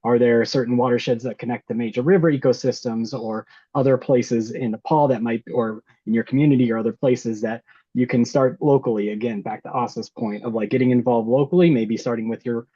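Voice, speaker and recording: A man's voice: mid-range voice, steady tone, brisk, mellow, slightly rough, no room sound. A man explaining as an expert panelist on a video call, friendly and thinking aloud. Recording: slightly dull video call audio.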